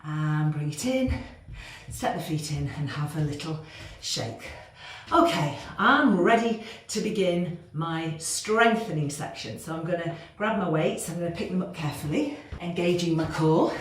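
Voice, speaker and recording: A woman fitness instructor cueing moves as she exercises along, growing out of breath. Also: lowish voice. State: getting out of breath. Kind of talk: workout instruction. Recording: very echoey room, faint noise.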